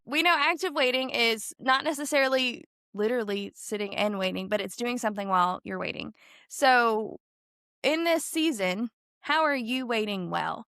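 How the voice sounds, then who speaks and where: A woman's voice: fairly high pitch, moderate pace, a bit bright, smooth, no echo, studio quality. A woman hosting a faith podcast, playful and self-teasing as she asks her guest questions. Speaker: podcast host. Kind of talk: casual podcast interview.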